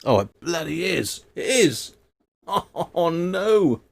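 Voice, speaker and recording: Slow-paced and very animated, this radio-gear livestream host has a slightly high voice with vocal fry. He talks casually while working, laughs at his own errors, and his voice shifts nearer and farther from the microphone.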